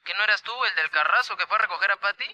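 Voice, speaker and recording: An actor playing a smug young male rival in a sitcom, speaking with a mocking, drawn-out teasing manner. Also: sits high, bright, forceful tone, muffled recording. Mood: smug taunting. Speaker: rival on the phone. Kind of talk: sitcom acting.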